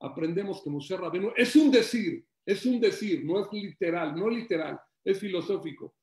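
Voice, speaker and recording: Male Torah teacher, high and lively, repeats himself; roomy echo. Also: normal speed. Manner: animated, repeats phrases, acts out stories. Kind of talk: religious class.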